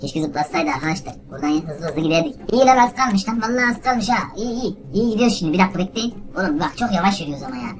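A woman hosting a let's play video, giving excitable, exclaiming commentary and talking straight to her viewers. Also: fairly low pitch, very fast, hardly any pauses. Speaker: gaming video host.

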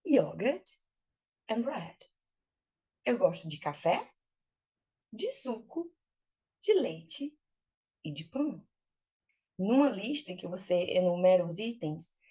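In a fairly low, slightly rough voice, a young woman with a Brazilian accent gives an informal English explanation on a video call, laptop close up, inside a small plain room. She stays animated throughout, using rhetorical questions and acting out examples.

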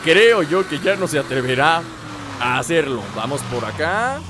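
A man's voice: fairly high pitch, sing-song, normal speed, background noise. A man with a Mexican accent, chatting through a let's play and talking back to the game as he plays. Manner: chatty, talks back to the game, explains asides at length. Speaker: gamer. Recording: loud game sounds under the voice.

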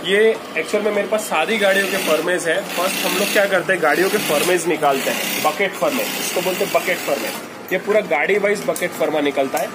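A man's voice: high-pitched, fast. A man, a workshop owner, explaining his process step by step and mixing in English words. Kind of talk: casual explanation. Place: car seat cover workshop, indoors. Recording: loud workshop noise.

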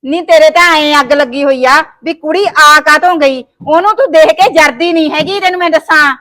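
A woman's voice: high voice, fairly quick. A woman playing a bossy, scolding mother-in-law. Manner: scolding, nagging, sharp-tongued. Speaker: mother-in-law in a family short film. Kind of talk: amateur family drama acting.

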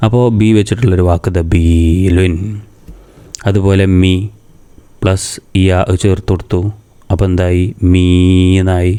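A man from Kerala, India, working as a madrasa teacher, speaks in a deep, mellow voice. His reading lesson proceeds step by step as he patiently asks questions, answers them himself, and slowly says and repeats each sound.

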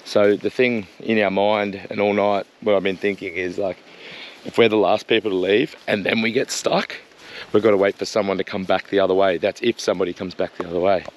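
A man's voice: low voice, little pitch movement, brisk. A man in easygoing, chatty vlog talk at an outdoor bush campsite. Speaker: travel vlogger. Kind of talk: casual vlog chat. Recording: noisy outdoor camp recording.

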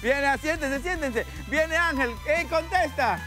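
A man's voice: very high voice, slow, over music. A man with a Dominican accent hosting a live children's quiz show, playful, laughing often and singing little drum-roll countdowns.

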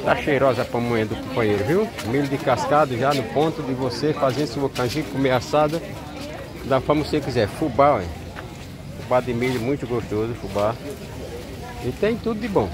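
Amid the chatter of a crowded outdoor street market, a man with a Northeastern Brazilian accent and a mid-range voice narrates a leisurely walking vlog. Chatty and warm with vendors, he films on a handheld camera mic as he goes.

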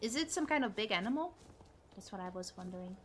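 A woman live streamer giving casual, expressive gameplay commentary and chatting with viewers, exclaiming and swearing freely. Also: mid-range voice, quick pace, soft background music.

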